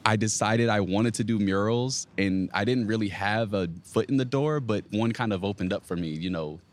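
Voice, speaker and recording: A man's voice: fairly low pitch, normal speed. A man from Virginia, a muralist, talking casually and modestly about his work in an interview. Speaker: muralist guest.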